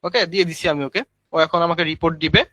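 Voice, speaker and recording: A man's voice: a little high, racing, pushed and bright, dry recording, low-quality recording. A man teaching a live screen-share tutorial, chatty, calling viewers brother and using many fillers. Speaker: online course instructor.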